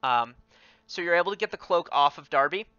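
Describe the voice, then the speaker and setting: Male game master, bright and smooth, halting delivery, dry dull audio. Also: on the high side, expressive, dry recording. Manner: hesitant, many ums and restarts. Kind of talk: narrating a tabletop game. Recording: dry, muffled voice chat.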